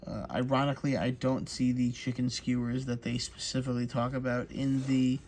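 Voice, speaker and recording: A man of mid pitch talks through a craft kit unboxing in a relaxed, chatty way, filling pauses with plenty of "uh" and "um". A faint hiss of noise sits under his voice. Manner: relaxed, chatty, many fillers. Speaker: crafts channel host. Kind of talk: casual unboxing walkthrough.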